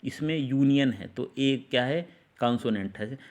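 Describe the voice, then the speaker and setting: A man's voice: medium pitch, unhurried, a little mellow. A man teaching an English grammar lesson, explaining step by step, repeating words and asking the class questions.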